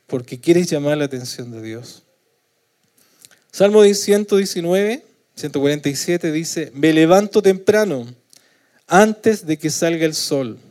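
A Chilean man delivering a sermon, his tone dark and mellow, sitting a little higher than a typical male voice. He keeps asking his listeners for agreement with short tag questions. When he acts out prayers he gets loud and pleading, then falls soft at the ends of his phrases. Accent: Chilean Spanish. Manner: asks the congregation for agreement with frequent tag questions. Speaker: preacher.

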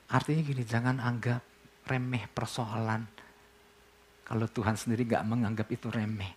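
This pastor's sermon has a conversational feel, with him repeatedly asking his congregation questions and supplying the answers. He talks at a moderate pace with fairly even intonation and a mid-range pitch, and a slight hiss or hum runs under the recording.

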